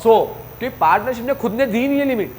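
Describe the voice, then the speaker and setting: High-voiced man teaching a coaching class, drilling students with questions and answers. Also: quick pace, a little hiss or hum. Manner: talks straight to students, asks questions and answers them himself. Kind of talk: classroom lecture.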